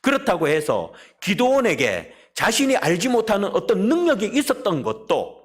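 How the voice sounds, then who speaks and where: A middle-aged man preaching a sermon as pastor, animated, calling on members of the congregation by name and asking rhetorical questions. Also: sits high, moderate pace.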